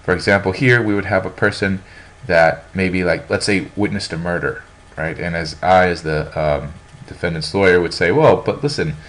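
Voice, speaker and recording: Casting: a deep-voiced young man teaching a class, relaxed and rambling, lots of ums and self-corrections. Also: moderate pace. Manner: casual, rambling, frequent fillers and restarts. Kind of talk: informal classroom lecture.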